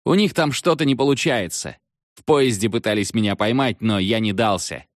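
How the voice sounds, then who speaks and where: A man voicing a seventh-grade schoolboy who shouts urgently down a payphone. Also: on the low side, no echo, studio quality, voice pushed up, close to an everyday voice. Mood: brash. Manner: loud, urgent, hurried shouting. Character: excitable schoolboy on a payphone, about thirteen.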